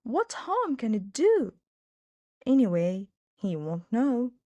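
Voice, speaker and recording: A woman's voice: a little high, sing-song, slow pace, dark tone, no room sound. A woman reading the part of a cheeky, careless boy apprentice who turns whiny when scared. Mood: cocky.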